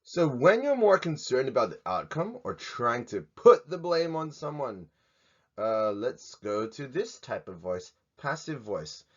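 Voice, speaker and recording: A man from Australia, teaching an English grammar video lesson in a jokey, animated way. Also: mid-range voice, a little slow. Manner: jokey, animated, swings in loudness. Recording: dull lo-fi sound.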